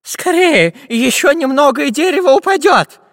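A man voicing an anxious, fussy professor in a high, fretful voice. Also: big pitch swings, normal speed, fairly bright tone, dry recording, clean studio sound, in a large hall, full character voice. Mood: panicked.

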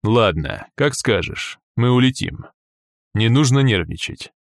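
A man voicing a calm, measured male team leader in an audiobook. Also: medium pitch, dry recording, clean studio sound, lightly acted.

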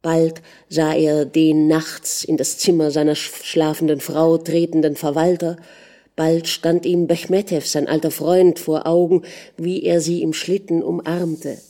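Warm-voiced woman narrating an audiobook. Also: low-pitched, flat delivery, unhurried. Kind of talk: scripted literary narration.

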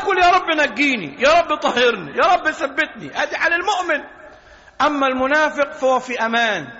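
Egyptian male preacher, high and sharp-edged, surges from hushed intensity to shouts; echoing hall. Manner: impassioned, swings between shouting and low intensity. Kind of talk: Friday sermon. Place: mosque. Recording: echoey mosque hall, dull lo-fi.

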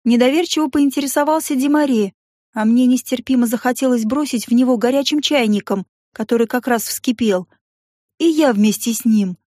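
A woman narrates a first-person story with a wry, ironic liveliness. Her voice sits a little higher than most. The recording is dry and close to the mic. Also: fairly quick, dark tone, no echo. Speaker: audiobook narrator.

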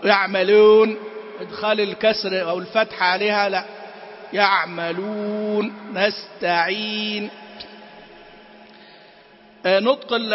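A man leads a tajweed lesson in a high voice. He chants words to demonstrate each sound, then breaks off with brisk corrections and short questions to his listeners. The recording is dull and lo-fi, with a long hall-like reverb. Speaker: Quran recitation teacher.

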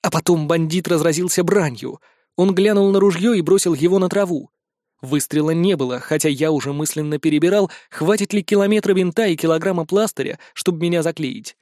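A man narrating a fantasy adventure in first person, brisk and wry. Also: on the high side, a little mellow, no room sound, clean studio sound. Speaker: audiobook narrator.

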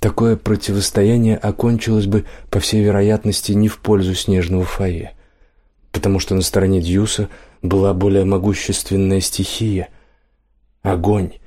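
A male narrator reads a fantasy audiobook in a steady, even storytelling voice. His voice sits on the low side for a man. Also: moderate pace.

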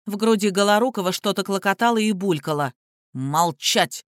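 A steady audiobook narrator, dry sound. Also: medium pitch, moderate pace, dry recording. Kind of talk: scripted narration.

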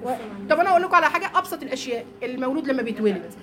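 A woman's voice: high voice, very fast. A woman with an Egyptian Arabic accent teaching a Quran study lesson to women, telling stories animatedly and mimicking mocking voices. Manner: lively, animated storytelling with mocking impressions. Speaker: religious teacher. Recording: noisy room recording.

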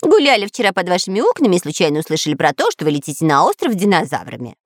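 A woman's voice: on the low side, wildly swooping pitch, very fast, no room sound, studio quality. A woman voicing a sneaky pirate spy with a nasal voice, whining and pleading. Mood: sly.

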